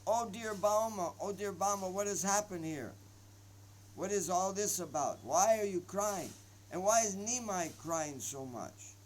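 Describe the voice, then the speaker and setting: A man's voice: sits high, animated, measured pace, a little hiss or hum, low-quality recording. A man voicing an anxious, loving middle-aged mother who pleads with trembling urgency. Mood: worried. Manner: pleading, tremulous, urgent questions.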